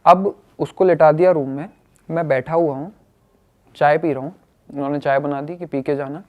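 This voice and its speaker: A young man casually telling a personal story, animated and acting out what others said. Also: on the high side, moderate pace, phone-quality sound. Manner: animated, acts out quoted speech.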